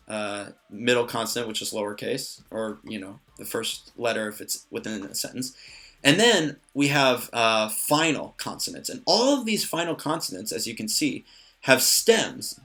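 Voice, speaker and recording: Man, language teacher, casual lesson, bright tone, fillers, light jokes. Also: medium pitch. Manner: relaxed, many fillers, joking asides.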